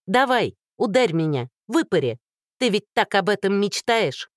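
A reader voicing a furious young woman who shouts and taunts in an audiobook. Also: medium pitch, normal speed, dry recording, clean studio sound, pitched above the performer's own voice, natural voice.

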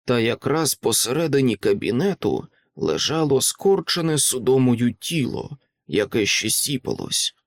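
A man narrating an audiobook in a dramatic, expressive reading style on a close microphone. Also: medium pitch, a little slow, dry recording. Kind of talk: scripted literary narration.

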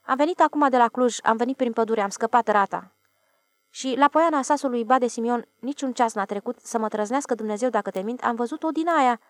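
A woman's voice: a little high, dry recording, studio quality, close to an everyday voice. A woman voicing a frightened village man, insisting with oaths that he saw a flying saucer. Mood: pleading. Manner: pleading, emphatic, swearing oaths.

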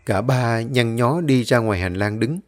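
Male storyteller, even mid voice, soft music bed. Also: medium pitch, normal speed. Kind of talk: ghost story narration.

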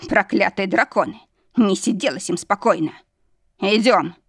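A brusque, smirking demon lord who barks orders and mocks everyone around him, read by a woman. His voice sits in a middling register, gruff rather than loud, delivered in a dry, close storybook reading. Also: medium pitch, unhurried, dry recording. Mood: irritated. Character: arrogant mocking male demon lord, brusque.

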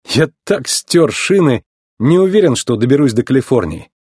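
A man's voice: medium pitch, expressive, normal speed, darkish tone, breathy edge, no echo, studio quality. A man voicing a cocky, playful young male race car in an easygoing tone.

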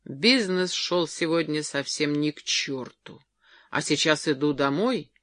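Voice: medium pitch, measured pace, a bit bright, no echo, studio quality, lightly acted. A reader voicing a drunken, blustering brother in an audiobook, growling and cursing. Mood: furious. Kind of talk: audiobook character voice.

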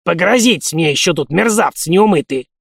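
A man voicing an irascible old male dormitory warden with a high, reedy old man's tenor, yelling and cursing. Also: expressive, moderate pace, creaky, breathy edge, no room sound, clean studio sound, exaggerated voice. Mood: shouting angrily.

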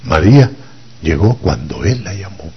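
A man preaching a sermon with a low, very husky voice that rises and falls widely in pitch. He is dramatic, acting out voices and dropping from loud lines to whispers. The recording is dull and lo-fi. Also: lively intonation, moderate pace.

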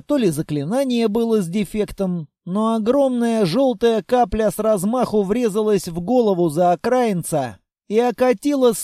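A man's voice: high voice, dark tone, no echo, studio quality. A man reading a fantasy audiobook in wry, ironic first-person narration. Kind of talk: scripted narration.

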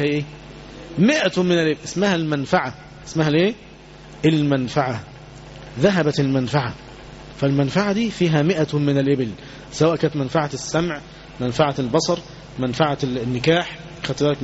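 A man's voice: a little high, dull audio, a little hiss or hum. A man with an Egyptian Arabic accent giving a colloquial religious lesson, often quizzing his listeners with questions for them to complete. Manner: quizzes audience with fill-in questions. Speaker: Islamic teacher.

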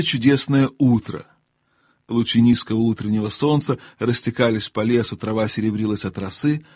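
Husky-voiced male audiobook narrator. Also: mid-range voice, dry recording. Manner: expressive storytelling, unhurried. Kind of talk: scripted narration.

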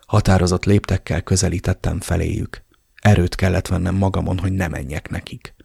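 Deep gravelly male narrator. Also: steady tone, mellow, dry recording, clean studio sound. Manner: brooding, measured delivery. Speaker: audiobook narrator. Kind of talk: first-person audiobook narration.

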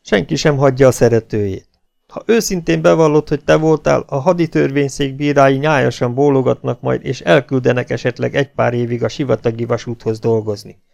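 A man reading as a gravelly, weary legion captain. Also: medium pitch, fairly even intonation, darkish tone, close to an everyday voice. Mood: coaxing. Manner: threatening, then coaxing and falsely friendly. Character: weary, hot-tempered French legion captain, middle-aged. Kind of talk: audiobook reading.

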